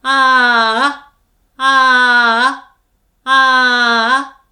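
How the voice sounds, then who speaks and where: A woman leading vocal exercises, giving calm, clear and encouraging instructions. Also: a little high. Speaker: voice trainer.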